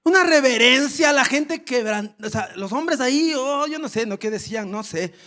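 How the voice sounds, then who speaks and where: A male pastor preaching a sermon, telling a funny story with lively acted shouts. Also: extremely high pitch, normal speed. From Ecuador. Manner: storytelling with humor and animated shouts.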